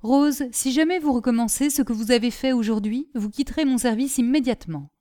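A woman reading aloud, voicing a calm, kindly middle-aged mayor who speaks with measured authority. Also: a little high, no echo, clean studio sound, natural voice.

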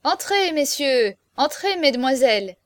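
A woman reading aloud, voicing an excitable young male servant who shouts boastful announcements. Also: high voice, unhurried, dry recording, voice pushed up. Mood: shouting. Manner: loud, breathless exclamations.

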